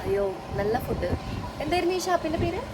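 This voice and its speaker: A woman's voice: high voice, big pitch swings, quick pace. A woman with a Kerala Malayali accent chatting casually as a travel vlogger, mixing English words into her Malayalam. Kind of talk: casual travel vlog chat. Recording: very noisy outdoor vlog, vehicle sounds. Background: loud ambient and vehicle noise.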